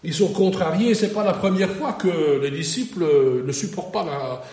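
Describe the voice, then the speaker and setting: A man's voice: fairly high pitch, normal speed, darkish tone, echoey room, far from the mic. A man preaching a sermon, reading a Bible passage and then talking it over in a conversational way with rhetorical questions.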